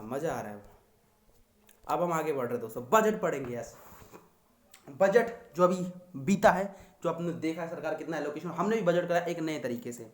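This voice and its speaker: A man's voice: fairly high pitch, reverberant. A young man teaching economics to exam students in a chatty, teasing lecture style. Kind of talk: casual Hindi lecture.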